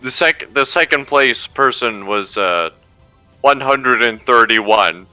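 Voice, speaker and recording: A man's voice: medium pitch, lively intonation, takes it slowly, sharp tone, clear, resonant tone, no echo, soft background music, rough recording. A man commentating casually on a stream, explaining his gameplay as he plays. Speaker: player showing a track on stream.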